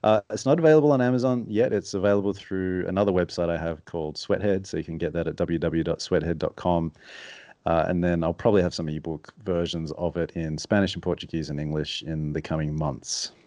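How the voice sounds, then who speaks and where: Close to the microphone, this author and strategist reflects quietly as a guest on a podcast, in a casual interview. His very deep voice is soft-spoken and mumbly, fairly even in intonation, and brisk. The recording is dry, with no room around it.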